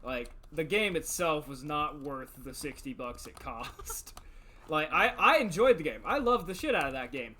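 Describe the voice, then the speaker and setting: A man's voice: a little high, big pitch swings, normal speed, sharp tone, slight background noise. A man streaming a video game in casual chat, congested with a stuffed-up nose, joking and swearing freely.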